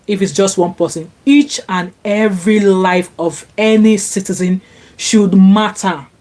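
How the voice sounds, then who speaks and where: Medium-pitched and a little mellow, a Nigerian woman whose native language is Yoruba reads viewer comments aloud on a live stream. Her chatter is casual, with many fillers and restarts, and her voice lifts when indignant. She is at home in sunny Glasgow, using a laptop mic.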